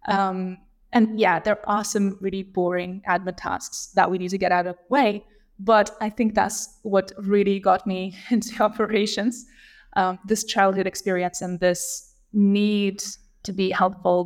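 Woman from lithuania, thirties, interview guest, thoughtful, unhurried. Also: medium pitch, level tone. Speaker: guest, operations leader. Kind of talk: casual interview.

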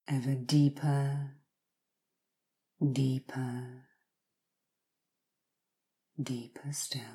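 A woman guiding hypnotic relaxation in a slow, soothing countdown manner, soft and breathy with long pauses, often sinking to a near-whisper. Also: sits low.

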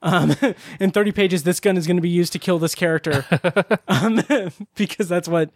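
This is a chatty male podcast co-host with a higher-pitched voice, swearing casually and rambling through his thoughts. The sound is close and dry, with no room echo. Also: a little slow. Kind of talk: casual chat.

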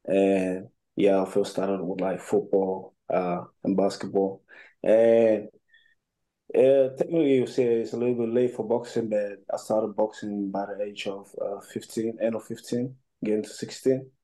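A man's voice: fairly low pitch, level tone, unhurried, warm tone, low-quality recording. A young man from Cameroon, an amateur boxer, answering interview questions with many fillers and restarts.

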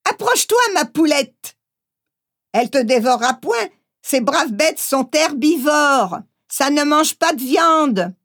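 Woman doing a teasing farmer in an audiobook, coaxing, high and slow. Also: big pitch swings, fairly bright tone, full character voice. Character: teasing good-natured male farmer.

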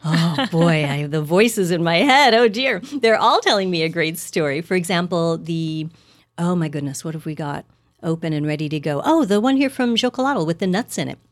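An effusive woman with a fairly low speaking voice that jumps upward whenever something delights her. She talks about her work in a bubbly, chatty way, full of exclamations. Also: moderate pace. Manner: effusive, laughs often, pitch leaps up when excited. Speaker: chocolate wholesaler and marketer, guest. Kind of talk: enthusiastic casual chat.

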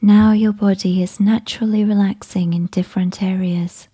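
A woman whispering a slow, soothing guided meditation with gentle instructions. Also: mid-range voice, fairly even intonation, breathy edge.

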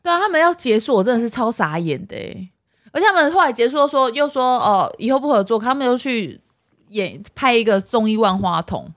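Fast, animated Taiwanese woman. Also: on the high side, no echo, studio quality. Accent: Taiwanese Mandarin. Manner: animated storytelling, acting out quotes. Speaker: podcast host. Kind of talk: casual chat.

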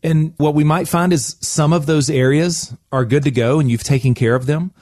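A man speaking as a financial advisor talks listeners through their options on a conversational advice podcast, emphatic and coaxing, often tossing in quick tag questions to check in. His voice is a little high and a little mellow, at a normal speed. The sound is clean studio audio with no room echo.

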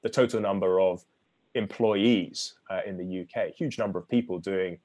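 Measured man explaining ideas. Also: deep voice, fairly even intonation, a little mellow, dull audio. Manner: measured, lecturing with frequent restarts. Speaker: author guest.

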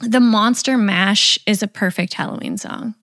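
A woman's voice: medium pitch, moderate pace, fairly bright tone, no room sound, clean studio sound. A woman co-hosting a music podcast, chatting enthusiastically about songs. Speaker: podcast co-host. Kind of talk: casual chat.

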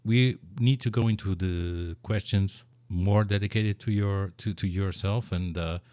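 A man's voice: low-pitched, steady tone, measured pace, mellow, dry recording. A man whose first language is Portuguese, hosting a podcast in casual, rambling chat full of repeats. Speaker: podcast host.

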